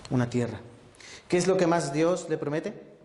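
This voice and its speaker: A man's voice: a little high, normal speed, dark tone. A man teaching a Bible sermon as an evangelist, often asking the congregation questions and checking with tag questions. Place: church. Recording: echoey church hall.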